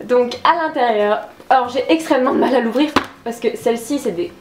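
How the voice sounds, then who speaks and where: A woman's voice: a little high, brisk, heavy background noise. A woman casually reviewing a makeup palette, chatty and enthusiastic with a self-deprecating streak. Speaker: beauty vlogger. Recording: echoey room with faint music.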